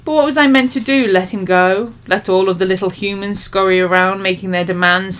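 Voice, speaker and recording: A woman doing a spiteful male demon, thin voice, taunting, low and mocking, audiobook. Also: a bit bright, natural voice. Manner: taunting, sing-song mockery.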